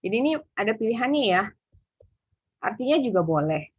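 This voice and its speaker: A woman tutors English over a video call, pausing often and thinking aloud as she explains. Her voice is husky and sits at a middle pitch. The sound is dry and dull, as on a call. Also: very animated, no echo. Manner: hesitant, thinking aloud with many fillers. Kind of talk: online English lesson. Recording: muffled video call audio.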